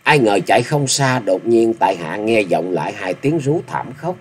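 A man's voice: fairly low pitch, very animated, moderate pace, a little hiss or hum. A man voicing a polite but stubborn young male swordsman who gives formal, proud replies. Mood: earnest.

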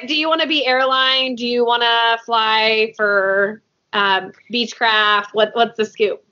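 A woman hosting a podcast, telling stories in a lively way and acting out what people said. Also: a little high, slow. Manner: animated storyteller who acts out quotes. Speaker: podcast host. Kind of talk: casual podcast chat. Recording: dull lo-fi audio.

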